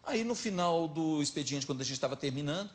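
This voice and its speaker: A middle-aged man with a Minas Gerais accent, telling anecdotes as a talk show guest in an animated, chatty way. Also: on the high side, fairly quick. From Minas Gerais, Brazil. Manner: lively anecdotal, animated retelling. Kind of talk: casual storytelling chat.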